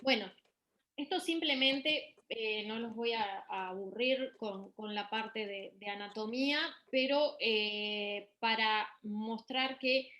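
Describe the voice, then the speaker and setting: A middle-aged woman lectures on music therapy. Her voice sits a little high, and she explains step by step, pausing on fillers and restarting phrases. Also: bright, forceful tone, low-quality recording. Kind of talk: university lecture.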